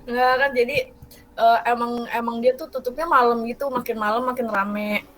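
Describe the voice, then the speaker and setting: A woman's voice: fairly high pitch, fairly even intonation, normal speed, a bit bright, poor audio. A young woman, rambling through a story with fillers in casual podcast chat. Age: young adult. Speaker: guest storyteller.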